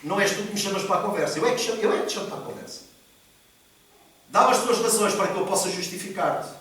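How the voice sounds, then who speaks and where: A man preaches with emphatic repetition, asking the congregation questions as he goes. His voice sits high for a man. It rings out through a very echoey church hall, picked up from a distance by the mic. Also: fast talker, a bit bright. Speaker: pastor. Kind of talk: sermon.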